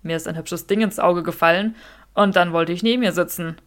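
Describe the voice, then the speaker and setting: A flirtatious, smug wizard man voiced by a woman reading aloud. He drawls his teasing lines slowly, a little below the reader's usual pitch. The tone stays that of a fanfiction audiobook. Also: lightly acted.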